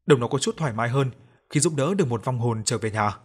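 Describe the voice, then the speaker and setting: A man's voice: medium pitch, breathy edge. Man narrating a ghost story. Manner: steady, measured storytelling. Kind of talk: scripted narration. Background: faint music.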